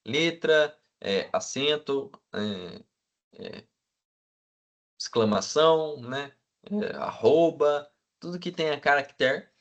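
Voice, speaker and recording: A man teaching a class, checking in with the students all the time and filling pauses with hesitant sounds. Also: on the high side, muffled recording. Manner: asks the class for agreement constantly; fills with "né?" and hesitant "é". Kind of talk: classroom lecture.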